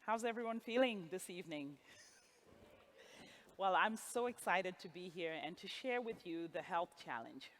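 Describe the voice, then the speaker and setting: A Zimbabwean woman in her forties delivers a personal storytelling speech on stage at a gala event hall, laughing at her own asides. Her voice is lowish with lively intonation at a moderate pace, and a little hiss or hum can be heard.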